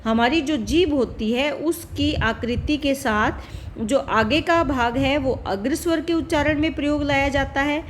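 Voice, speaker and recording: A woman with a high voice teaches a lesson patiently. She repeats her points and poses questions before answering them. A faint hiss sits under her voice. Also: a little slow. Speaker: Hindi teacher. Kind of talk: classroom-style lesson explanation.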